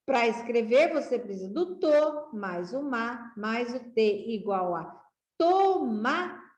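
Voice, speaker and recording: A woman teacher sounding out syllables for young children in a slow, patient, encouraging way. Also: a little high, big pitch swings, a little mellow. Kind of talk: children's literacy lesson. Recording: echoey room.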